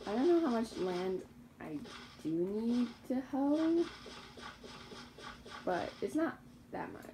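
Her voice sits a little high, with big swings in pitch, and she takes things slowly over some background noise. This young gaming YouTuber rambles casually through her Minecraft survival play, catching her own mistakes and giggling at them.

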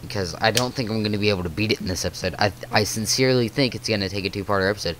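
Lowish-voiced man narrating gameplay. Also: racing, noisy background. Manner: thinks aloud, nervous exclamations. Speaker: gaming channel host. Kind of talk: let's play commentary.

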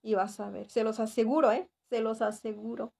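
Mexican woman, slightly high voice, earnest churchy testimony, repeats herself for emphasis, tag questions. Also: fairly even intonation, moderate pace, vocal fry, dark tone, husky. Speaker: church member giving testimony. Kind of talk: religious testimony.

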